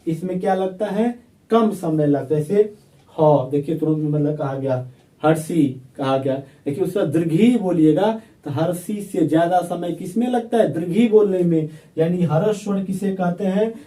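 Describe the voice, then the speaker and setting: A man's voice: high voice, moderate pace, warm tone, distant mic. A male teacher, giving a grammar lesson and drilling his students by asking questions and answering them himself. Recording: echoey room, voice from off-mic.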